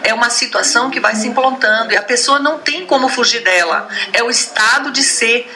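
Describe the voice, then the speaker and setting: A woman from Brazil, a guest in a radio debate, explaining her points in a measured, lecturing way with frequent tag questions. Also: fairly high pitch, pushed and bright, slight background noise, poor audio. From Rio Grande do Sul, Brazil. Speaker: invited expert on a radio debate. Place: radio studio.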